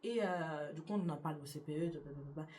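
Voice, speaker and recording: A young woman talking through a casual get-to-know-me tag in her bedroom, pausing often and starting her sentences over. Her voice sits a little low for a woman. A faint room hum runs under her talk. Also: darkish tone. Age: young adult. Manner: hesitant, many fillers and restarts. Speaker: YouTuber. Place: her bedroom beside a window.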